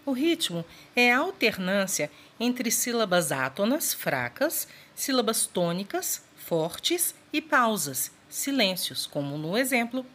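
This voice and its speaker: Slow, lively-voiced woman teacher. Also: medium pitch. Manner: patient, explanatory, addresses students directly. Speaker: literature teacher. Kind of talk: recorded lesson.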